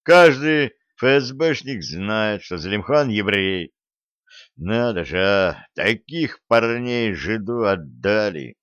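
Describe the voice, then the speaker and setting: A man's voice: lowish voice, lively intonation, slow, fairly bright tone, no echo, lo-fi sound. A man voicing a brash, mocking special-forces commander in an audiobook reading. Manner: scornful, provoking.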